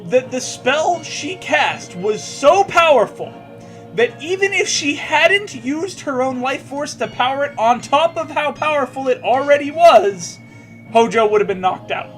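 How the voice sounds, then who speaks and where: Unhurried and animated, this man's very high-pitched, fairly bright voice stumbles and stammers through a fan fiction story he's reading as co-host, broken up by mocking jokes. Video game music plays underneath in a low-quality recording.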